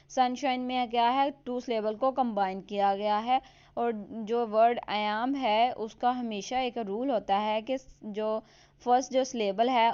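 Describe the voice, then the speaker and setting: A woman teaches a literature lesson, moving between Hindi-Urdu and English terms. Her voice is smooth and resonant, a touch higher than most. The recording sounds somewhat dull and lo-fi. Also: darkish tone. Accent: Indian or Pakistani. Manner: mixes English terms into Hindi-Urdu, reads definitions slowly. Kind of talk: explaining a lesson.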